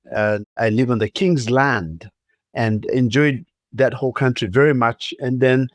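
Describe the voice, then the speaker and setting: A man's voice: mid-range voice, dry recording. Playful Ugandan man, dry close sound. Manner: playful, laughing often, expansive storyteller. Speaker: guest. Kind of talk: podcast interview.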